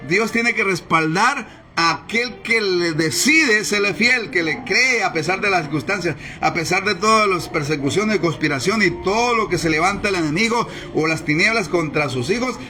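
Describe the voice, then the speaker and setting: A male pastor delivers a sermon in a high voice with a bright, forceful edge. He preaches emphatically, repeating key phrases to drive them home. Quiet music runs underneath. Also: animated, moderate pace. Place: church service, streamed live.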